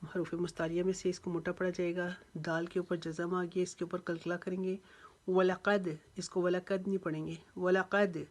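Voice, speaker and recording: A woman's voice: lowish voice, flat delivery, normal speed, a little mellow. A woman teaching Quran recitation rules step by step, patiently and methodically explaining how each sound is drawn out. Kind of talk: step-by-step tajweed lesson.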